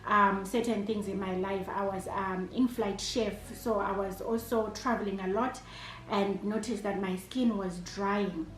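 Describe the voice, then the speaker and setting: In an echoey room, a Zimbabwean woman in her thirties, both entrepreneur and chef, fields interview questions haltingly with frequent fillers and restarts. Her medium-pitched voice stays steady at a measured pace.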